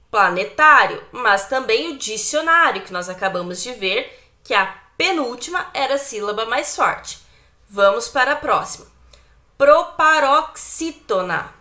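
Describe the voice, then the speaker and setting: A woman teacher with a Brazilian accent, giving a recorded grammar lesson to children, patient and clear, often asking the pupils questions. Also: a little high, bright, forceful tone. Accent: Brazilian Portuguese.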